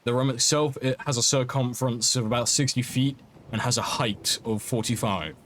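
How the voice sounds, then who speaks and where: A man's voice: mid-range voice, fairly even intonation, moderate pace, fairly bright tone, a little hiss or hum. A man running a tabletop game as dungeon master, narrating casually with offhand asides.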